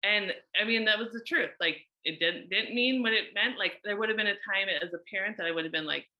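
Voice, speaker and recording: A woman's voice: medium pitch, brisk, muffled recording. A woman in her thirties, a mother, talking candidly through a personal reflection with many fillers.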